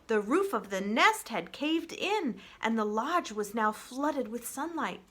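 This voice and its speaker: A woman with a fairly high voice reads a children's novel aloud. She tells the story expressively and gently at a measured pace, softening as each phrase finishes.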